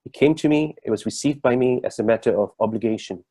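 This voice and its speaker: Mellow-voiced man, earnest talk. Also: medium pitch, fast talker. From Singapore. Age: 30s. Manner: earnest, thoughtful, searching for words. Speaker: workshop co-presenter. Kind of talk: reflective personal talk.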